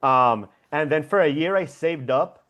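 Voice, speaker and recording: A man's voice: a little high, unhurried, highs cut off. A young man from Venezuela, a founder being interviewed over a video call, talking reflectively with many fillers. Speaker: guest founder. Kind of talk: casual interview.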